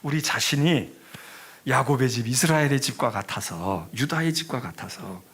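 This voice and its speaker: Husky, gravelly pastor man preaching. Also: medium pitch, moderate pace. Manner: animated, dropping into hushed whispers. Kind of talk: sermon. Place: church.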